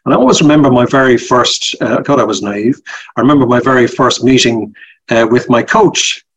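In a casual interview, a middle-aged Irish company director with a Dublin accent rambles fairly quickly, hesitating with ums and restarting often. His voice is husky and medium-pitched, and the recording quality is rough.

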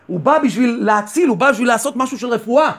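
A man's voice: very high-pitched, lively intonation, fairly bright tone. A male rabbi giving a Torah sermon, asking rhetorical questions and answering them himself, and repeating key phrases for emphasis.

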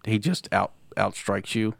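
A man's voice: on the low side, a little slow, creaky, no room sound, clean studio sound. A man co-hosting a casual podcast, recapping fights in a laid-back, profane, joking way. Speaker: podcast co-host.

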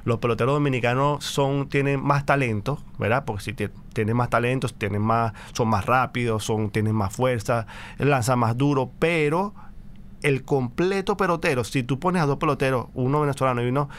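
A man being interviewed on a sports podcast as a baseball league executive, answering in a measured way with many pauses and fillers. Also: mid-range voice, slight background noise.

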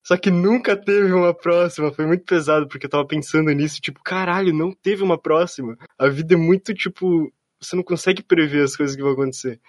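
A man's voice: a little high, fast talker, few pauses, no echo. A young man with a southern Brazilian accent, telling a story in a casual, rambling way with lots of slang and fillers.

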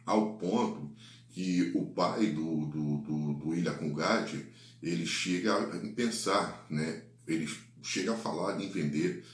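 A man with a Brazilian Portuguese accent retells a faith-based life story, halting often on repeated words and tagging lines with "né?". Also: deep voice. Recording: echoey room.

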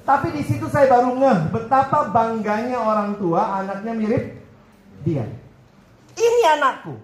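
A young man giving a lively campus sermon, joking and telling animated stories to his listeners. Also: very high voice, normal speed. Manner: playful, joking, animated storytelling. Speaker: preacher. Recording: roomy hall echo, faint background noise.

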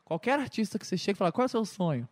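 A Brazilian man, a podcast guest, tells a story at a rapid clip. His voice sits high, and he acts out both sides of the conversation. He keeps it loose and casual and leans on fillers. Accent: Brazilian Portuguese. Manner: animated anecdote-telling, acts out dialogue, frequent "tipo assim" fillers.

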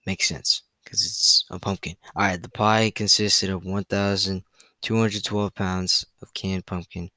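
A young man with a bright, forceful, rather low voice hosts a solo podcast. He reads facts in a loose, chatty way, full of fillers, stumbles and self-corrections. The sound is dry and close, with no room around it. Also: flat delivery, a little slow, dry recording, rough recording. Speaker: podcast host.

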